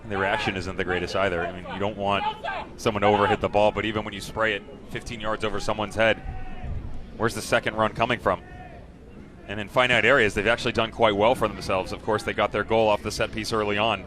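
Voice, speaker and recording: Lowish-voiced man giving conversational soccer analysis. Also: level tone, quick pace, fairly bright tone, slight background noise. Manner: conversational, with rhetorical questions. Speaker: color analyst. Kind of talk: live soccer analysis commentary.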